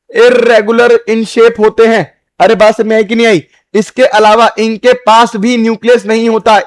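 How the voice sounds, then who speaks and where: A man's voice: sits high, no echo. A man lecturing on biology. He repeats each key point and keeps asking the students whether they got it. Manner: repeats key points, asks rhetorical check questions, calls students "beta". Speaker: biology teacher. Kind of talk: classroom lecture, drawing on a board.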